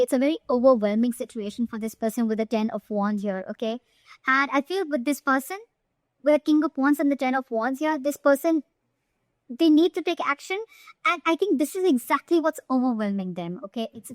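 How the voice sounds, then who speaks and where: Addressing the viewer directly, a woman gives a casual tarot reading with a voice on the high side. She speaks with emphasis and drops in quick tag questions to check in. The sound is clean studio audio with no room noise.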